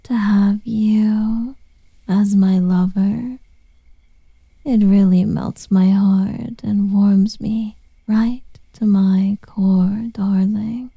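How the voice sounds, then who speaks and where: A woman voicing a seductive, doting female succubus lover in an ASMR roleplay, whispering softly and cooing pet names. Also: mid-range voice, steady tone, extremely slow, creaky, slightly rough, no room sound, dull audio, exaggerated voice.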